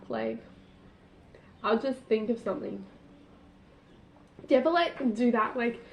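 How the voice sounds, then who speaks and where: A woman hosting a casual solo podcast, chatting with lots of "like" fillers and laughing at herself, recorded on a tablet's built-in mic. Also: on the high side. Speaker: podcast host. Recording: roomy, dull tablet recording.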